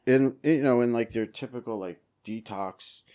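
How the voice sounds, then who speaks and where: Clear and resonant, the voice belongs to a middle-aged man speaking at medium pitch and normal speed. As a podcast guest in a relaxed interview, he tells stories with lively acted-out quotes and plenty of swearing.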